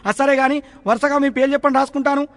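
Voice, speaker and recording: A man's voice: extremely high pitch, level tone, very fast, no echo. A man doing a one-man comic sketch, playing a grumpy village schoolmaster who scolds his pupils, in Telangana Telugu. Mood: scolding. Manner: scolding schoolmaster voice, shouting insults. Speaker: mimicry comedian.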